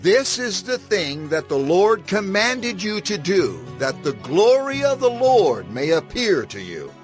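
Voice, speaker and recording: An actor playing Moses as a solemn, authoritative prophet leader with a gravelly voice, in a dramatized scripture reading. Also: male voice, high voice, sing-song, measured pace, soft background music. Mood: proclaiming. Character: Moses, commanding male prophet leader instructing priests.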